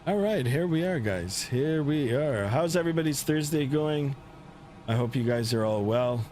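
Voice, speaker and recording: A man hosting a flight simulator livestream in casual commentary, with halting, pause-filled phrasing. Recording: steady aircraft rumble behind voice. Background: engine rumble.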